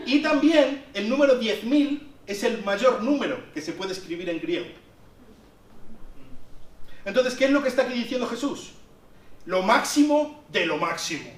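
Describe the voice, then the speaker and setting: Spanish guy preaching in church, highish voice, roomy echo, mic kinda far off. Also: animated, moderate pace, pauses often. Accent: Spanish from Spain. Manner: conversational preaching, rising to emphatic peaks. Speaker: pastor. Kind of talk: sermon. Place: church hall. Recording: echoey church sound from a distance.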